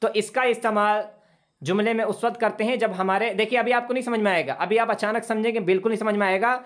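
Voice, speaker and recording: A man teaching an English grammar lesson, patiently repeating phrases slowly for his students. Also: sits high, fairly even intonation. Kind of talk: classroom lesson explaining grammar.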